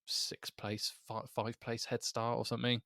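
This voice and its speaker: A man's voice: medium pitch, monotone, moderate pace, vocal fry, bright, forceful tone, no echo, studio quality. A man co-hosting a sports podcast, chatting casually and laughing often. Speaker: podcast co-host. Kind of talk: casual chat.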